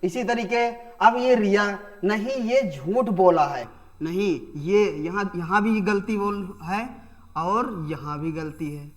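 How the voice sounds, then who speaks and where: Slow, high-voiced male Hindi teacher. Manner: repeats key phrases slowly, addresses students as children. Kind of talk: classroom grammar lesson.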